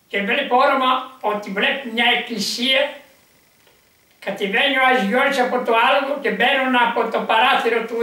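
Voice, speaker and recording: A monk telling a miracle story with lively, wandering momentum, acting out the dialogue as he goes. His high, bright voice rings around a very echoey room and comes from far from the microphone. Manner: animated, rambling retelling full of quoted dialogue.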